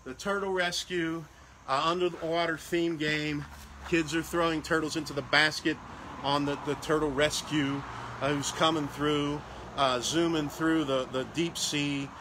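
A salesman for a game rental company strolls through a showcase of party games, walking around to show off the products while repeating prices and restarting phrases. His voice is fairly high, his tone steady and his pace measured, with a noisy background behind him.

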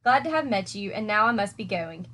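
A woman's voice: mid-range voice, animated, brisk, fairly bright tone, close to an everyday voice. A woman voicing a wise, polite female spider in a storybook reading, composed and dry.

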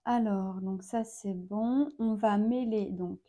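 A woman in her thirties, a mother of four, hosting a casual vlog and speaking to camera in a slow, measured way with frequent hesitations. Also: medium pitch, steady tone, dark tone.

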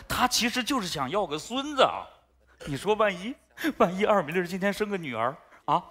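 An actor playing an anxious expectant father in a sitcom, fretful and excitable. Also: high voice, fairly quick, a little hiss or hum, full character voice. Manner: fretful, excitable comic delivery. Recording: studio audience laughter behind.

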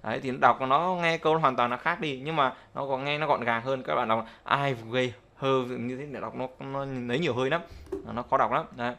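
A man's voice: mid-range voice, steady tone, brisk, pushed and bright. A man teaching English pronunciation in a casual spoken lesson, explaining step by step and often checking that viewers follow.

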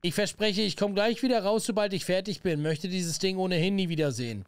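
Fibbing young boy, hesitant, making excuses, slightly high voice, as a man puts him on. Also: a little fast, smooth, no room sound, close to an everyday voice. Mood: pleading.

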